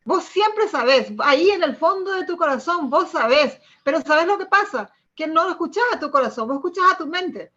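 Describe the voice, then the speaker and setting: A woman's voice: very high-pitched, normal speed, hardly any pauses. A woman on a podcast, talking emphatically and repeating herself for effect. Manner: emphatic, repetitive, animated. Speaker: podcast co-host. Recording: dull lo-fi audio.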